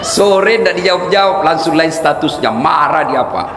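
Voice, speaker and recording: A middle-aged man from South Sulawesi, giving a comic sermon in an animated, joking way with sudden shouts. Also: a little high, moderate pace, a crowd in the background, background noise. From South Sulawesi, Indonesia. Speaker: preacher. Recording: echoey hall, faint ambience.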